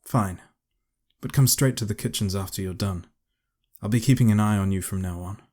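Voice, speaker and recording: Casting: man voicing a cold middle-aged housekeeper, dry, commanding, low-voiced. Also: steady tone, fairly quick, darkish tone, lightly acted. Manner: dry, muttering.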